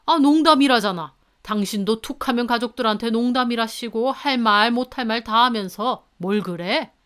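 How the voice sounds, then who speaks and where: Storybook father-in-law: older man, dry and chiding, read by a woman in a smooth, clear voice. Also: on the high side, normal speed, a bit bright, close to an everyday voice. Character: calm older father-in-law, tired of fuss.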